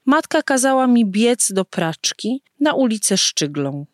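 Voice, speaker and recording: A woman reading a story aloud slowly and expressively, giving the characters' lines their own voices. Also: fairly high pitch, big pitch swings, no echo, clean studio sound. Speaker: narrator.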